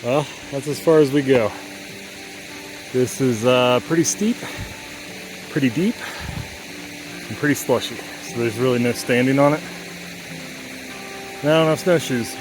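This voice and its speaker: A man's voice: mid-range voice, measured pace, pauses often, noisy background. A man talking casually as he narrates a hiking vlog outdoors on a trail.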